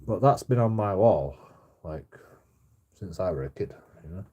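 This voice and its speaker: The recording is muffled: a man in his forties from Bradford, West Yorkshire, with the local accent, rants casually on his livestream. His low, warm, breathy voice has lively intonation and an unhurried pace. He's blunt and sweary, repeats himself, and often adds "you know" after sentences.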